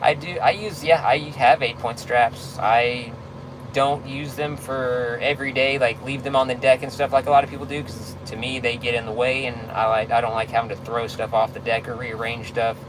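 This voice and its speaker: Over clear vehicle noise, a man talks casually as if to a livestream audience, answering questions. His delivery is laid-back and halting, at a medium pitch. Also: fairly even intonation. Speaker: tow truck driver livestreaming.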